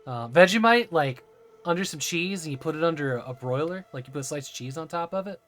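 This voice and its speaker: A man's voice: a little high, animated, fast, fairly bright tone. A man streaming a game, chatting casually and enthusiastically with laughing asides. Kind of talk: casual live-stream chat while playing.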